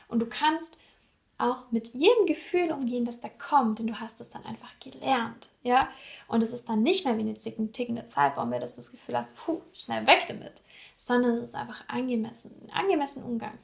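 A woman psychologist speaking earnestly and directly to her listeners in a podcast monologue, sometimes dropping to a soft whisper. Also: on the high side, expressive, a little fast, vocal fry.

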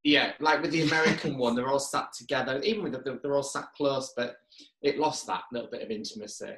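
A man's voice: mid-range voice, fairly quick, a bit bright, slight background noise. A man chatting casually as a guest on a podcast. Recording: echoey room.

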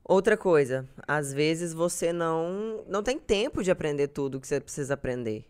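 A young Brazilian woman chats casually as a podcast guest, telling self-deprecating stories. Her voice is low-pitched, a little mellow and smooth, with lively intonation at a normal speed.

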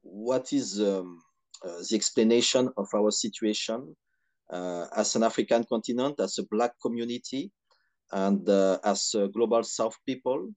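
A man from Benin with a Beninese French accent gives reflective interview answers in measured, hesitant phrases with frequent pauses. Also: fairly low pitch, a little mellow. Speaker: podcast guest, historian and activist.

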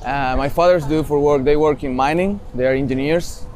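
A man from Chile with a Chilean Spanish accent, answering interview questions in a relaxed way and sometimes searching for English words. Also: on the high side, brisk, crowd noise. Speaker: startup founder, interview guest. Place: outdoors in a city with traffic nearby.

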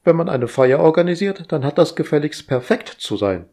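Man putting on a shrill fussy household AI woman. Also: big pitch swings, fairly quick, mellow. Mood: prim scolding. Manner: prim, scolding and pedantic.

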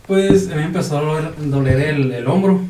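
A man's voice: fairly high pitch, fairly quick. A young man with a Mexican Spanish accent, telling a story in casual, slangy podcast chat, swearing often. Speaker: podcast guest. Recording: echoey room, crowd noise behind.

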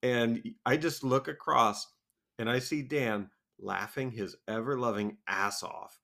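A man's voice: medium pitch, steady tone, measured pace, gravelly, fairly bright tone. A man with a wheezy voice co-hosts a podcast in a casual, comic, self-deprecating way, laughing often. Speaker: podcast co-host.

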